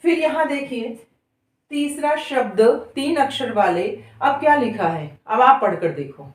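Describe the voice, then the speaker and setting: A woman's voice: sits high, expressive, unhurried. A woman teaching beginners to read Hindi, sounding words out syllable by syllable and drawing them out. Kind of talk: slow spoken lesson. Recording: echoey room, voice from a distance.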